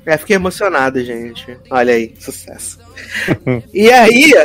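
A man's voice: on the high side, big pitch swings, a little slow, bright, forceful tone. A man chatting casually, recapping a series and acting out characters' lines with exaggerated voices.

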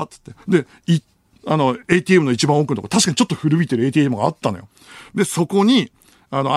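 A man hosts a late-night radio show from a dry, close-miked studio. His voice sits high and swings widely as he acts out a story, throwing in sound effects and laughter. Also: no room sound. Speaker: radio host. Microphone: studio microphone.

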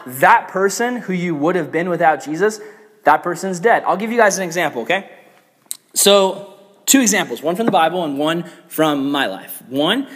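A man's voice: sits high, a bit bright, slightly rough. A young man giving a casual, joking youth sermon, full of "like" and playful asides. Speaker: youth pastor. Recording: echoey hall reverb.

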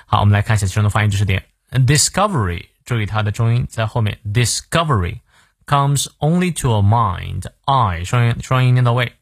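A man's voice: lowish voice, fairly even intonation, rapid-fire, few pauses, no echo, clean studio sound. A man hosting a daily morning English lesson, explaining a quote word by word in a patient, explanatory way, with frequent "ah" fillers between phrases. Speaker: English teacher and host.

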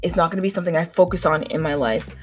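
A woman in her twenties talks very fast on her own podcast, casual and candid, constantly dropping "like" and "um." Her voice is a little low for a woman with a faint sickly edge, and soft music plays faintly underneath.

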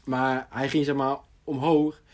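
A young adult man casually telling a funny school story, animated and laughing as he goes, with lots of fillers. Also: medium pitch, a little slow.

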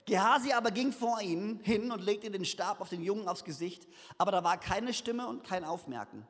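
A man with a high, light voice reads a scripture story aloud as a sermon. He breaks off now and then for lively, humorous asides. His voice carries a long reverb from the hall. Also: normal speed. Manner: lively reading with asides and laughter. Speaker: preacher. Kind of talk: sermon reading scripture with comments.

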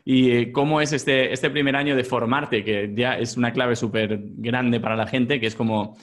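Male interview host, mid pitch, encouraging, asks long questions. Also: steady tone, normal speed. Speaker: podcast host.

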